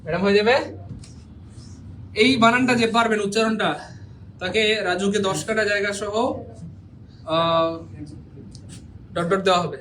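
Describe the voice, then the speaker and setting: A man's voice: sits high, fairly even intonation, a little slow, long pauses, a bit bright. This is a male teacher. He runs an exam-prep grammar class in a playful, teasing way and keeps asking the students the same questions. Faint noise sits under the recording. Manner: joking, quizzing students with repeated questions.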